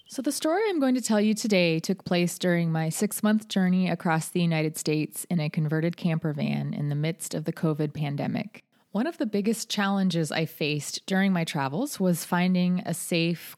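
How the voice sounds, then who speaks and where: A woman hosting a storytelling podcast, reading scripted first-person narration in a measured, articulate way. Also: on the low side.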